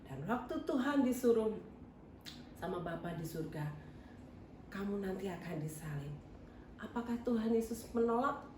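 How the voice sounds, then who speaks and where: A woman's voice: medium pitch, expressive, normal speed, pauses often, a little mellow, slight background noise. A woman leading a children's church service, telling a story from a picture book to the children. She talks, keeps asking the children questions and answers them herself. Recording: roomy echo, far from the mic, faint ambience.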